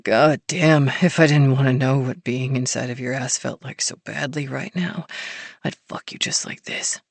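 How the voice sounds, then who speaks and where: A woman narrator voicing an intense, commanding young man in a low, husky, half-whispered murmur with gritted-out commands. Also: a little slow, no room sound, heavily acted.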